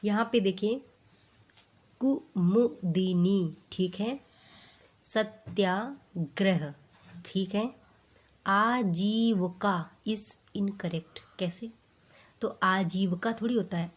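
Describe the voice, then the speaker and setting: A woman works through a spelling lesson at an unhurried pace, saying each word again and again so it sticks. Her voice is soft and mellow, and she explains each point with patient, step-by-step care. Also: medium pitch, breathy edge. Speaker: teacher. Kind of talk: exam-prep spelling lesson.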